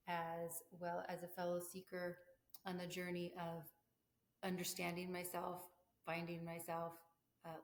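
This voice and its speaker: A woman hosting her own podcast in a candid, reflective way, her voice sounding metallic like in a tin can from the room's echo. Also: on the low side. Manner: reflective, candid, with fillers and self-asides. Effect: metallic tin-can sound from room echo. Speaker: podcast host. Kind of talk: casual solo podcast talk. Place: living room with vaulted ceiling. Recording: echoey tin-can sound in vaulted living room.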